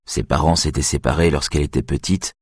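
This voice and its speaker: A man reading a novel aloud in an even, measured way. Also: a bass voice, breathy edge, no room sound, clean studio sound. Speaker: narrator. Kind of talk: audiobook narration.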